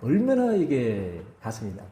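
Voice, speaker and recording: A man's voice: mid-range voice, wildly swooping pitch, normal speed, warm tone, echoey room. A male pastor preaching a sermon in a church, who keeps asking the congregation to agree with him.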